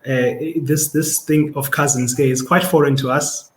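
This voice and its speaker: A man's voice: fairly high pitch, steady tone, moderate pace, echoey room, low-quality recording. A young man with a South African Xhosa accent, a podcast guest talking in a thoughtful, casual way and often repeating words as he searches for them. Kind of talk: casual conversation.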